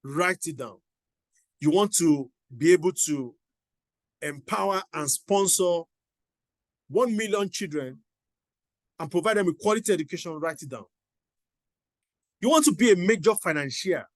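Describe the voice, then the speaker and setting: A man's voice: fairly high pitch, expressive, normal speed, pauses often, no echo. A middle-aged man giving a motivational teaching talk, emphatic and repeating his exhortations. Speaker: motivational coach.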